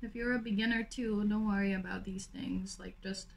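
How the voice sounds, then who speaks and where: A young woman with a raspy, lazy voice chatting casually through a makeup tutorial, full of fillers. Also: mid-range voice, fairly even intonation, moderate pace. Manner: lazy, laid-back delivery full of fillers. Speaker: makeup vlogger.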